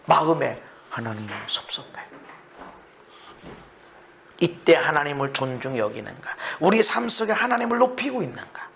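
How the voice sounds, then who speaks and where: A man preaching a sermon as pastor, animated and acting out people's complaints. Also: on the high side, fairly quick, vocal fry, hardly any pauses, highs cut off, slight background noise.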